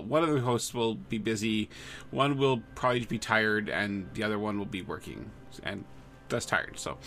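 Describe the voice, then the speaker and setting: A man's voice: fairly low pitch, sharp tone. A man hosting a casual podcast chat, playful and a bit rambling. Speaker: podcast host.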